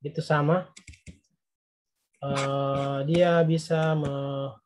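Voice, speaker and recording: A man's voice: a little high, flat delivery, extremely slow, darkish tone. A man giving a recorded Arabic grammar lesson, explaining patiently and translating each word. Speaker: Arabic teacher.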